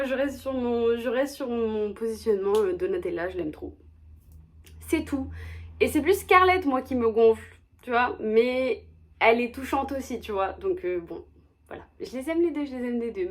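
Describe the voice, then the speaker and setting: Young girl gushing about books, chatty and slangy, lots of euh. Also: mid-range voice. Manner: chatty and excitable, slangy, many fillers. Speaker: book vlogger. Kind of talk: casual reading review.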